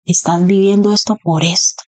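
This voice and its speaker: A woman's voice: mid-range voice, steady tone, moderate pace, mellow. A woman preacher giving a sermon in an earnest manner, asking the congregation rhetorical questions.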